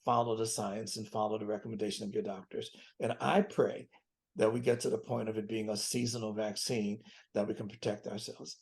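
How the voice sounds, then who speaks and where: A man's voice: lowish voice, little pitch movement, a little fast, creaky. A man in his seventies, a physician guest in an interview, speaking earnestly and repeating key phrases for emphasis. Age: 70s. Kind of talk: interview conversation.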